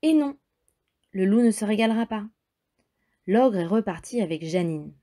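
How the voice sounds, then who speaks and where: A woman's voice: mid-range voice, lively intonation, moderate pace, dark tone. A woman reading a children's story aloud in a playful, chatty way.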